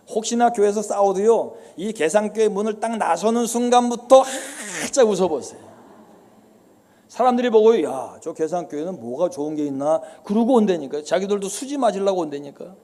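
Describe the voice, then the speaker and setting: A man's voice: sits high, dark tone. A male pastor preaching a sermon to a congregation, telling stories and acting out the dialogue, then exhorting the listeners directly.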